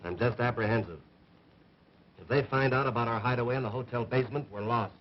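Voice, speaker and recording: A scheming attorney, early talkie sound. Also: male voice, mid-range voice, quick pace. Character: scheming male attorney, smooth and serious. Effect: early 1930s talkie film soundtrack. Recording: muffled, faintly hissy 1930s film sound.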